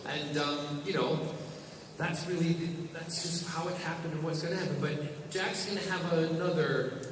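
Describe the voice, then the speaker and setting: A man's voice: fairly high pitch, fairly even intonation, moderate pace, recorded from a distance, noisy background. Man talking in an echoey convention hall. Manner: enthusiastic, rambling with many restarts. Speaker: panel guest actor. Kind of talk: convention panel talk. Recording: echoey hall recording from afar.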